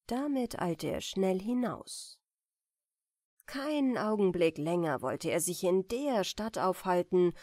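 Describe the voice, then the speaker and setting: A woman reading a fairy tale aloud as a bedtime story, in a soft, calm manner. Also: medium pitch, dry recording, clean studio sound.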